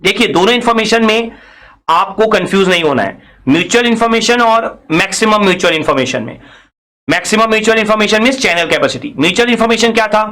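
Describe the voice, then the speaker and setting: A man's voice: high-pitched, expressive, quick pace, pushed and bright. A man giving a recorded engineering lecture, explaining step by step, asking and answering his own questions, and mixing in English technical phrases.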